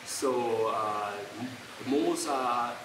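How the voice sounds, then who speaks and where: A young man from Gambia, an entrepreneur answering interview questions in a fast, casual flow full of "uh" fillers and restarts. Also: medium pitch. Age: young adult. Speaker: guest, entrepreneur. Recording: roomy, distant, loud ambient noise.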